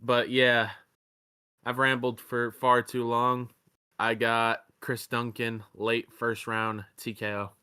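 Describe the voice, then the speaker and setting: A man's voice: medium pitch, monotone, takes it slowly, sharp tone, clear, resonant tone. A man giving casual, rambling fight predictions, laid-back and often profane. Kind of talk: casual chat.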